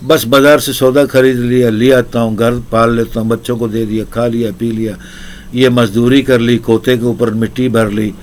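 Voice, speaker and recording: A man's voice: medium pitch, flat delivery, a little mellow, slight background noise, natural voice. A man voicing a poor, modest laborer who humbly talks himself down and asks for forgiveness. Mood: humble. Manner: self-deprecating, pleading.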